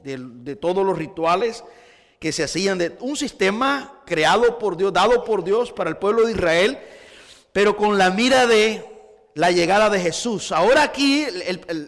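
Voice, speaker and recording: A man's voice: high-pitched, a bit bright, in a large hall. A man preaching a sermon as pastor, with rising emphasis and frequent repeated starts. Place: church hall.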